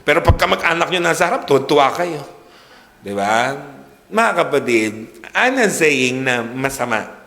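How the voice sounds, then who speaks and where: A man's voice: fairly high pitch, big pitch swings, normal speed, sharp tone, big-room sound. A male pastor giving a sermon, talking to the congregation in a chatty way, full of rhetorical questions and switching between English and Tagalog. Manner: conversational preaching, constant rhetorical "di ba?", mixes English and Tagalog. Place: church worship hall.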